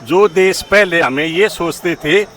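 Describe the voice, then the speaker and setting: A man's voice: on the high side, measured pace, a bit bright. A man, explaining his opinions in a street interview, peppering his speech with English terms and a repeated filler phrase. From India. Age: 70s. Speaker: interviewee giving political opinions. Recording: distant mic, outdoor street recording.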